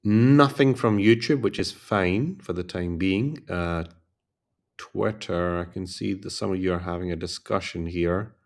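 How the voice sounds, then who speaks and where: Wrapping up a long casual livestream, a career coach with a very low, creaky voice talks slowly and pauses often. He's tired and yawns between thoughts, rambling loosely and asking again and again for viewers to like and subscribe.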